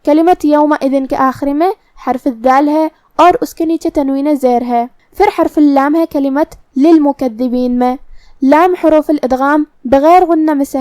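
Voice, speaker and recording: A woman teaching Quran recitation rules, explaining pronunciation step by step and reciting verses slowly. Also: sits high, warm tone, no room sound. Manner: explains articulation points methodically, then recites verses very slowly. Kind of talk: tajweed lesson with slow recitation.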